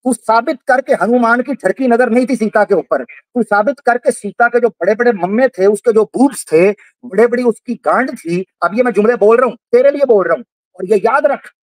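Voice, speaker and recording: A man's voice: very high voice, dry recording. A man hosting a livestream debate, taunting and repeating his jabs in a heated call-out. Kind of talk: heated live call-out on stream.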